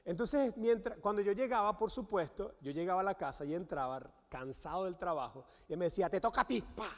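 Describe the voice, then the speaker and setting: A man with a Venezuelan accent, a guest pastor, preaching a sermon with animated storytelling and acted-out quotes. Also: sits high, a little fast. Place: church sanctuary. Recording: long church hall reverb.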